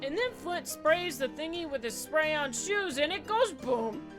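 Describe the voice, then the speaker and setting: A woman with a high, animated voice tells a film's story in a flippant, sarcastic way and acts out each character's line in a silly voice. Her pitch swings widely from phrase to phrase. Faint music plays under her voice. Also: measured pace. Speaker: comedic movie recapper. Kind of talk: comedic plot recap narration.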